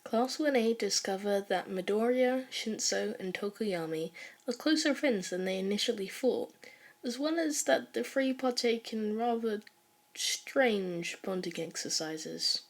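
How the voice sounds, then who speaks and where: A young adult woman with an animated, mid-range voice speaks at a measured pace. As a podfic author and reader, she informally introduces her own fan fiction and then narrates it.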